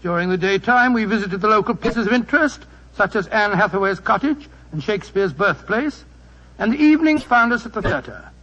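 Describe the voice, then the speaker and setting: An actor playing a genial, rambling older English doctor who recalls adventures in 1940s radio style. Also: male voice, high-pitched, lively intonation, fairly quick, bright, forceful tone, full character voice. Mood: reminiscing. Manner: avuncular, hearty, rambling storyteller. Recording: muffled 1940s radio broadcast recording.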